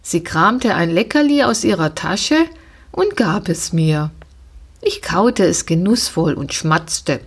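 A woman narrating a children's storybook reading in an expressive, unhurried way. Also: fairly low pitch, slightly rough.

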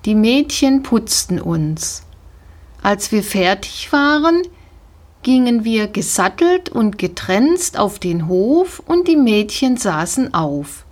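A woman narrating a children's storybook in a calm, gentle, measured way. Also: mid-range voice. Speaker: audiobook narrator. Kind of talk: scripted storybook narration, first person as a horse.

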